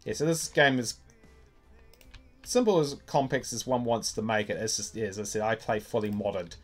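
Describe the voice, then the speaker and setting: A man's voice: lowish voice, normal speed, faint music behind. A middle-aged man with a broad New Zealand accent, rambling and thinking aloud as he gives casual gameplay commentary on a stream. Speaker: game streamer. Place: indoor room at a desk.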